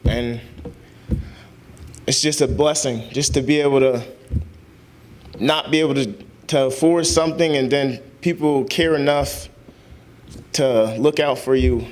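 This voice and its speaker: A young man speaks at a ceremony about his time as a student veteran. He is sincere and halting, and he fills his pauses with "um.". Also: mid-range voice, a little mellow. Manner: sincere, halting, with many "um" fillers. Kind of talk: informal speech at a ceremony.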